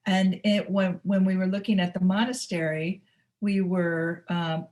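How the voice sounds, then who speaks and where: Soft-spoken woman teaching with halting restarts. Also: on the low side, flat delivery. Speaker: spiritual teacher hosting a webinar. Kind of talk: unscripted teaching talk. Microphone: webinar microphone.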